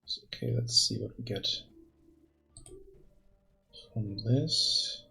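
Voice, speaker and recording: A tired man casually thinking aloud while working on his game during a live stream, pausing and restarting often. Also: on the low side, huge pitch swings, creaky, bright, forceful tone. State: tired, yawning.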